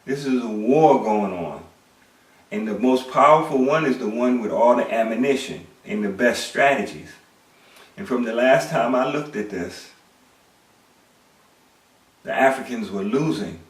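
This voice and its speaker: A man's voice: mid-range voice, animated, moderate pace, recorded from a distance. A middle-aged man delivering an emphatic monologue lecture, posing rhetorical questions and repeating words. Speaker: commentator. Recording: echoey room, away from the mic.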